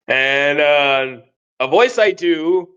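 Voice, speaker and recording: A man's voice: on the high side, fairly bright tone, clean tone, dull audio. A man hosting a casual podcast, chatty and laughing as he talks about the cartoon voices he does. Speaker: podcast host.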